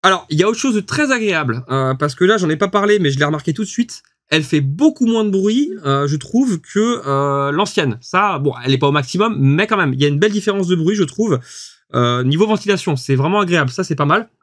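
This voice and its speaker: A chatty man with a fairly high voice walks through a new tool in a relaxed review. He laughs easily and fills his sentences with hesitations. The sound is dry and close. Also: quick pace, no echo. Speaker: host testing equipment. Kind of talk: casual product review.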